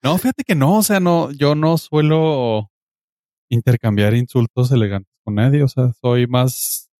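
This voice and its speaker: A man with a Mexican Spanish accent speaks plainly and evenly in a relaxed chat. His voice sits in an ordinary middle pitch, recorded dry and close. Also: unhurried, no echo. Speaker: podcast co-host. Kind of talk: casual chat.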